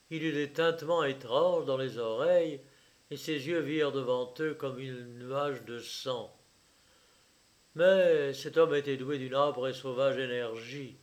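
A male narrator reads a classic novel aloud. His pace is slow and his voice sits slightly high. The delivery is dramatic and expressive. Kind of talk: audiobook reading of a novel.

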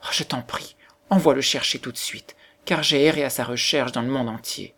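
A man voicing a grieving beggar mother who pleads softly and quietly. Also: medium pitch, normal speed. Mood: pleading.

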